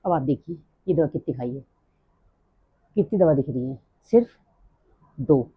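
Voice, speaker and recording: A middle-aged woman talking fast and rambling in a casual personal vlog. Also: deep voice, expressive, breathy edge, no room sound. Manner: rambling, drifts off topic. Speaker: vlogger. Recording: dry, tinny phone-like sound.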